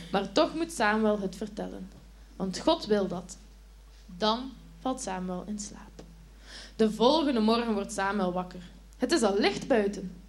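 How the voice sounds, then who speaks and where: A woman teacher telling a Bible story to children in a lively, expressive way, asking them questions as she goes. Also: on the high side.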